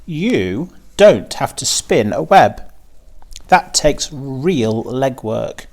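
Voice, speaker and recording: A man plays a clever lady spider in a children's story. She is patient and wry, enunciating deliberately at a slow pace with a lively rise and fall. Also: mid-range voice, voice pushed up, exaggerated voice. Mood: wry, instructive. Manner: precise, deliberate, instructive.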